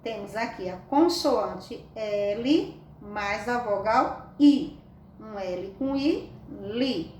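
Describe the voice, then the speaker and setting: Recorded from a distance in an echoey room with a little background noise, this woman speaks slowly to children during a careful reading lesson. Her voice is slightly high, animated, and somewhat dark in tone, and she sounds affectionate and sing-song as she coaxes them with questions.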